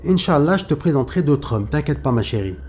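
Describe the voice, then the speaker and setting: A man's voice: fairly high pitch, animated, fast, darkish tone, natural voice. Man doing a proud middle-aged mother; defiant, comforting; close to his own voice. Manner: reassuring, defiant.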